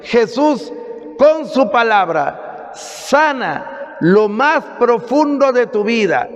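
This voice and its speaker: High-voiced Mexican priest preaching slowly. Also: male voice, sing-song, big-room sound, dull audio. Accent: Mexican Spanish. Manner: emphatic preaching with dramatic pauses. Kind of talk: Sunday gospel sermon. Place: church.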